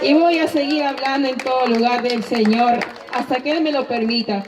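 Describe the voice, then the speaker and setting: A woman's voice: high voice, normal speed, a little hiss or hum. A woman giving an earnest, emotional testimony in church, often calling out to her brothers and sisters. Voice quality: repeatedly addressing listeners as brother, sister. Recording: roomy, distant, dull church recording with music.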